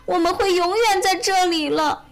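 A woman doing a whiny little bear cub, high and tearful. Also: animated, slow pace. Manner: whimpering, tearful.

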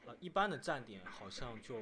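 A man hosts an interview podcast in a mid-pitched voice, asking probing follow-up questions. Between answers he drops short acknowledgments. A crowd can be heard clearly behind him. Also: very animated, fairly quick. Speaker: podcast host.

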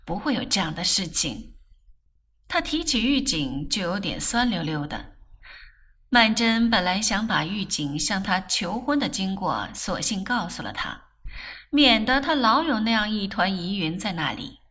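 A woman reads a novel aloud in a measured, unhurried way, her voice bright and clear. Her pitch moves expressively from phrase to phrase, and she never rushes a sentence. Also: sing-song. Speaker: audiobook narrator. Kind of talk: novel reading.

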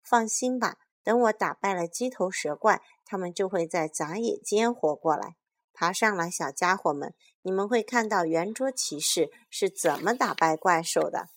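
A woman voicing a proud male knight of the Round Table in a storybook, speaking slowly and solemnly. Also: on the low side, expressive. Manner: slow, solemn, boastful.

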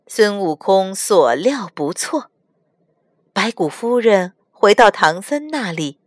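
Woman reading a children's story, lively sing-song voice, slow, dry close sound. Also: medium pitch, dry recording. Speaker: storyteller mother.

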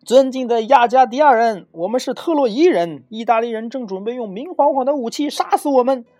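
Man voicing a desperate warrior-hero in an audio story, pitched way up, begging for aid. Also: brisk, faint music behind, natural voice. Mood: pleading. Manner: pleading, urgent, raised voice. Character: desperate male Trojan hero pleading for aid.

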